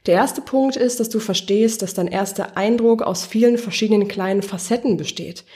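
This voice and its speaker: A woman's voice: mid-range voice, normal speed, mellow. A woman working as a voice coach, presenting a podcast lesson in an encouraging, explanatory way and speaking straight to the listener with guiding questions. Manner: encouraging, addresses the listener directly.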